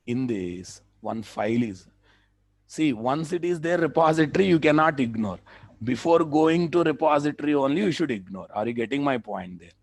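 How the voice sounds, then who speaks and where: A trainer with a Telugu Indian accent runs a live software tutorial, repeating phrases for emphasis and checking that the class is following along. He has a mid-range voice with lively intonation at normal speed, and there is no room sound.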